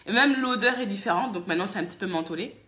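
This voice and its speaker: Bright, chatty French woman vlogger. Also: medium pitch, rapid-fire. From France. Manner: lively, chatty, laughs often, many fillers. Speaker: vlogger and hair-care business owner. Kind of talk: casual chatty story time.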